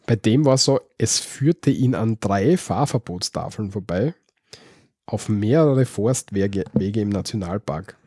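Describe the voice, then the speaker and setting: A man's voice: on the low side, expressive, a little slow, mellow, slightly rough, no echo, clean studio sound. A man with an Austrian accent, chatting easily as co-host of a podcast and explaining dialect words. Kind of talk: casual podcast chat.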